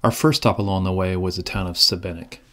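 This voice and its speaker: A man giving calm, scripted narration for a sailing travel vlog. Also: sits low, quick pace.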